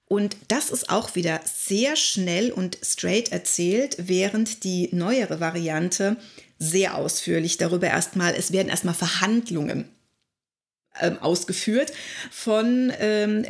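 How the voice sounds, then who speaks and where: A woman presenting fairy tales in casual, conversational commentary, animated and quoting characters in voices. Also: lowish voice, slow.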